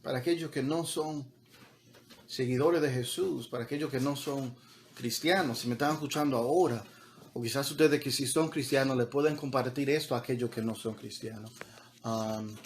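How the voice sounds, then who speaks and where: A man's voice: mid-range voice, moderate pace, a little hiss or hum. A man preaching a sermon as pastor, talking conversationally with repeated words and building to emphatic peaks, mixing in English words.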